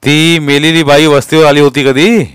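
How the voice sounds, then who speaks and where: A man's voice: fairly high pitch, little pitch movement, moderate pace, a bit bright, clean tone, no echo, pitched above the performer's own voice, lightly acted. A man reading a story aloud, voicing a stern, bullying police inspector who barks questions. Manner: barking, interrogating.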